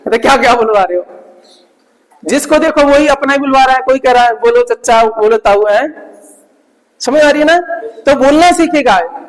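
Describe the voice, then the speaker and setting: A man's voice: very high-pitched, in a large hall, low-quality recording. A male teacher giving a classroom lecture, asking his class questions and answering them himself.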